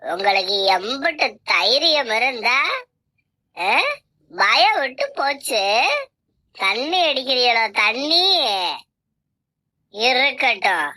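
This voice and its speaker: A domineering middle-aged village wife barks orders and scolds in a slow, deliberate drawl, as a woman voices her. Her tone is bright and cutting, pitched a little above the usual. The cartoon character nags without letting up. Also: full character voice. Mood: scolding. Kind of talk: cartoon voice acting.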